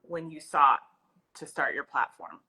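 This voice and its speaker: A woman's voice: low-pitched, very animated, measured pace, pushed and bright, rough recording. A woman hosting a livestream interview on a video call, upbeat and effusive when introducing her guest. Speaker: host, community manager.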